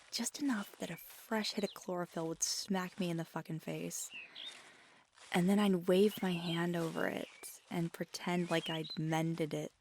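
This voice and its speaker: A woman plays a feisty, affectionate magical girlfriend in an intimate ASMR roleplay, soft-spoken and halting, sometimes slipping into a whisper. Her voice is lowish and gravelly, and the background is noisy.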